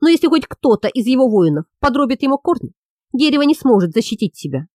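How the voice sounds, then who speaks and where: A woman's voice: sits high, sing-song, fast, darkish tone, dry recording, studio quality. A woman doing a skeptical, matter-of-fact male mage. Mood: dismissive.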